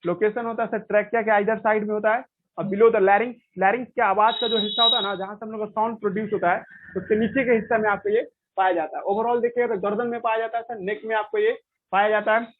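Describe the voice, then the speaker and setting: Male teacher, high voice, step-by-step lecture, thin phone-like audio. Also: steady tone, fast talker, dry recording. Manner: explains step by step, asks and answers his own questions. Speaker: biology teacher. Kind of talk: classroom lecture. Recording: dry, tinny phone-like sound.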